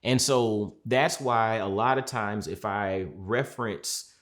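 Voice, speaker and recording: Earnest low-voiced man coach. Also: a bit bright. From Georgia, USA. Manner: earnest, measured, repeats phrases for emphasis. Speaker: mindset coach. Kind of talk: reflective sit-down talk.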